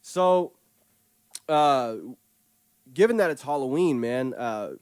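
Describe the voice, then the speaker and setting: A man's voice: mid-range voice, lively intonation, slow, a little mellow, clean tone, no echo. Boisterous, swearing male podcast host. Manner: profane, boisterous, jokey. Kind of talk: casual chat.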